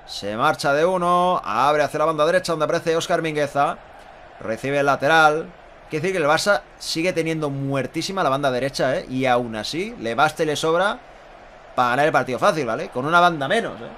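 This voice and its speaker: A man with a high, forceful voice and an accent from Spain delivers live Spanish goal commentary. He is emphatic and repeats himself like an excitable fan, recorded at home with clear background noise. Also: brisk. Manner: emphatic, repetitive, swearing and exclaiming. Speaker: football commentator. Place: small indoor room at home.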